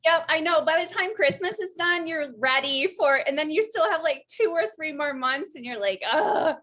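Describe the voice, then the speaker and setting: A young woman hosts a podcast interview in a high, bright-pitched voice. She is bubbly and gushing and keeps the chat friendly and casual. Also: lively intonation, normal speed. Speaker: podcast host.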